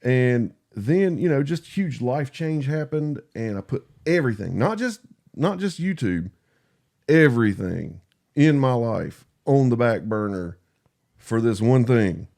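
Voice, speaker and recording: A man with a country drawl talks candidly and casually, halting and repeating himself, putting himself down and swearing easily. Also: medium pitch, animated, darkish tone. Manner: halting and repetitive, self-deprecating, swears casually. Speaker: podcast guest and YouTube creator.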